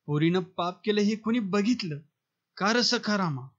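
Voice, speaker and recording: A man voicing a stern older male village council elder who questions loudly, on a dull lo-fi recording. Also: high voice, expressive, unhurried. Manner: loud, questioning.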